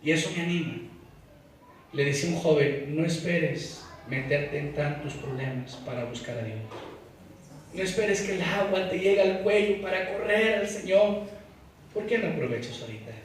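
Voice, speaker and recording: A male pastor preaching a sermon, swinging between hushed pleading and loud exhortation. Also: on the high side, expressive, normal speed, slight background noise. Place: church sanctuary. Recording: echoey church from a distant mic.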